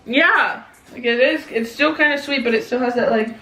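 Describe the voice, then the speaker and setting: A woman's voice: fairly high pitch, normal speed, pushed and bright. A young woman vlogger chatting casually through a beauty haul, full of "um" and "like" fillers. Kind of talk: casual product haul review. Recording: echoey room with faint noise.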